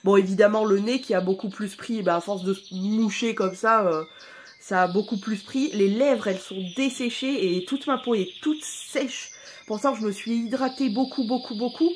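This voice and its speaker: A woman's voice: mid-range voice, moderate pace, a little hiss or hum. A woman vlogger chatting casually at home, informal and chatty, with the odd casual swear word. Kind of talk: casual vlog chat.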